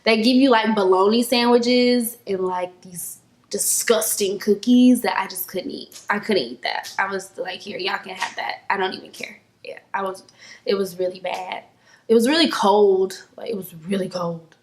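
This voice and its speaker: A young woman vlogger, telling stories casually to camera in a slangy, animated way and acting out quotes in high voices. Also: measured pace. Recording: echoey room.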